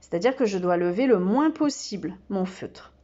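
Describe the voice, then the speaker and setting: A woman who teaches kindergarten, giving a slow and patient step-by-step demonstration full of small fillers. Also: medium pitch, expressive, warm tone, lo-fi sound.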